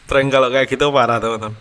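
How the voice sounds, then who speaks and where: A man's voice: mid-range voice, steady tone, brisk, fairly bright tone. A man hosting a reaction video, talking casually to viewers and laughing often.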